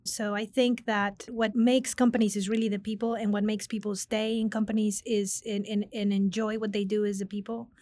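Speaking at normal speed with few pauses, this guest executive from a business consulting firm, a middle-aged woman from Mexico, keeps a flat delivery in a medium-pitched, darkish voice. She talks earnestly in the interview, frequently starting her words over.

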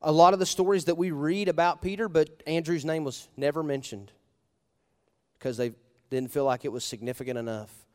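Male pastor, slightly raised pitch, chatty sermon delivery with rhetorical questions and loud bursts, church hall with long echo. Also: moderate pace. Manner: conversational preaching with rhetorical questions and sudden loud emphasis.

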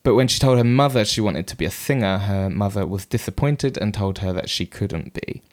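A man co-hosting a podcast, telling a story in a relaxed, casual way with lots of ums and asides. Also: lowish voice, brisk. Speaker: podcast co-host.

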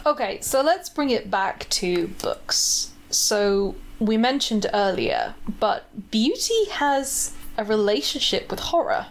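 A woman's voice: medium pitch, very animated, slow, few pauses, slight background noise. A woman co-hosting a podcast, chatting casually about books and writing and steering the talk back on track. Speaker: podcast co-host.

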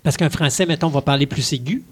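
A man's voice: a little high, fast, slightly rough. A man, a curious co-host who asks questions and jokes in a casual chat.

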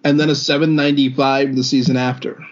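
A man's voice: mid-range voice, level tone, brisk. A man with a mid-range voice co-hosts a casual sports podcast. He reels off stats and records, padding them with ums and uhs. The audio sounds somewhat dull and lo-fi. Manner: reels off stats with many fillers. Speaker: podcast co-host.

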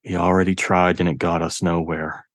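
Grim driver, deep and monotone, breathy and flat, read by a male narrator. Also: normal speed, dry recording, studio quality. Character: grim, determined man driving.

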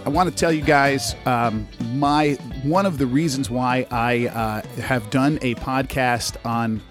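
Man, podcast host, average pitch, halting casual speech, faint music underneath. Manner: halting, rambling delivery. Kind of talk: casual podcast introduction and interview.

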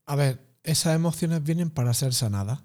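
A man calmly explaining emotions as a guest, in a slow, measured, spiritual teaching manner. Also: on the high side. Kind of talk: calm reflective explanation.

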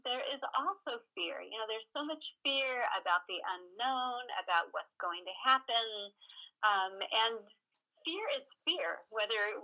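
A woman co-hosts a casual podcast chat from a remote call, her voice coming through a low-quality stream. The sound is dull and lo-fi, with a bright, sharp edge to her tone. She speaks reflectively, pausing to search for the right words. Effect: low-quality remote stream audio. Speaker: podcast co-host. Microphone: remote call microphone, apart from co-host.

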